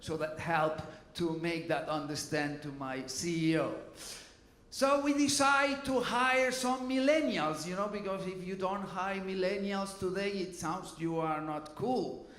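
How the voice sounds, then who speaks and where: A man's voice: high-pitched, animated, a little slow, fairly bright tone, echoey room. A man, speaking informally on a conference panel and often adding "you know" and "okay". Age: 50s. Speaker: hotel innovation panelist. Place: conference hall.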